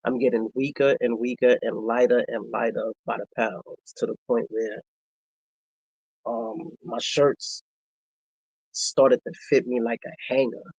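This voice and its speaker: A man, telling a personal story in a reflective, halting way, with many pauses and fillers. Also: mid-range voice, steady tone, darkish tone, breathy edge, no echo, dull audio. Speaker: vlogger.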